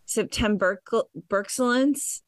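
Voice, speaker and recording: A woman's voice: a little high, slow, no room sound. A woman from Chicago chatting casually and groggily as a podcast co-host. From Chicago, United States. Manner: groggy, bantering. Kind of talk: casual chat.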